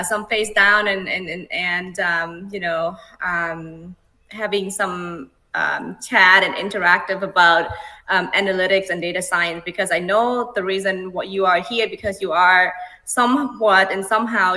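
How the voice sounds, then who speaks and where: A woman's voice: on the low side, fairly even intonation, a little slow, sharp tone. A middle-aged woman born in Cambodia, a guest speaker chatting casually over a video call, with many fillers and easy laughs. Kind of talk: casual online talk.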